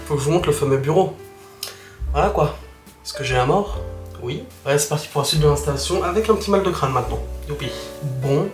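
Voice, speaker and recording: Hushed, quick-talking young-sounding male vlogger indoors. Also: on the high side, roomy sound. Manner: hushed, keeping his voice down. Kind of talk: casual chat to camera. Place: small hotel room. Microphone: camera microphone, no dedicated mic.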